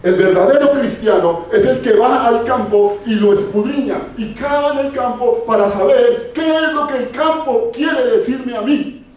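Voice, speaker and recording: A male preacher with a high voice delivers an emphatic sermon, hammering points home by repeating them. He is heard from a distance in a church hall with heavy echo. Faint room noise sits under the voice. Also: unhurried, a little mellow. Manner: emphatic, repeats phrases for stress. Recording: very echoey hall, voice far off.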